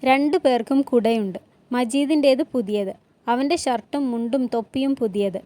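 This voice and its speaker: A woman narrating a novel aloud in a measured, expressive reading voice. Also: fairly high pitch.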